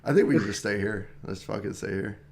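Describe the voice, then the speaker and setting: A young man co-hosting a gaming talk show over an online voice call, relaxed, laughing easily and swearing casually. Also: fairly low pitch, quick pace, gravelly. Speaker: podcast co-host.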